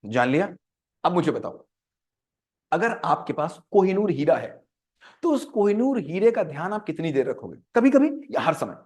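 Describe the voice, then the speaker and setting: A man's voice: a little high, sing-song, normal speed, darkish tone. A man giving a teaching talk on handling anger, who keeps asking his listeners questions and acts out everyday scenes. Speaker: speaker on managing anger.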